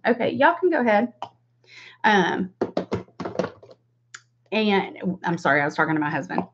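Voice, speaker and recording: A woman's voice: medium pitch, big pitch swings, measured pace, noisy background. Female livestream beauty host, 40s, Southern US drawl, mid-range voice, informal and chatty, slightly dull lo-fi sound. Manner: informal, rambling, self-deprecating asides. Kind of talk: casual chatty makeup tutorial livestream. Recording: dull lo-fi webcam stream.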